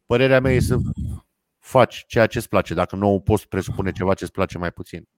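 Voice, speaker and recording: A man's voice: lowish voice, no echo. A man hosting a podcast, reading listener comments aloud in casual chat with dry jokes.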